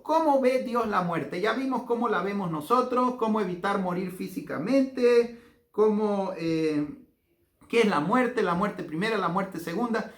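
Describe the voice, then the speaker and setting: A man with a Bolivian accent preaching as a pastor, fervent and slowing into drawn-out emphatic phrases as he leads a prayer. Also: high voice. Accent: Bolivian Spanish. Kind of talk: sermon with guided prayer. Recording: echoey room with faint music.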